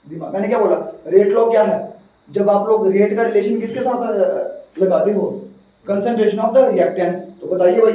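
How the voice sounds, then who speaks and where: An Indian-accented man teaches in a high but mellow voice. He dictates notes, repeating phrases and putting questions to his students. The sound is distant, as if the microphone sits well away from him. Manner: dictating slowly, word by word, repeating phrases for note-taking. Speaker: chemistry teacher. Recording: echoey room, distant muffled microphone.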